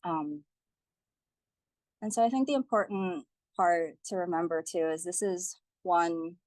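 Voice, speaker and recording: A young woman presenting at a community teach-in, her voice sitting a little low. She talks earnestly and evenly, reading through figures and a written account with care. The sound is dry and close, with no room around it. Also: measured pace, no room sound. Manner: earnest, steady, reads statistics and a testimony aloud.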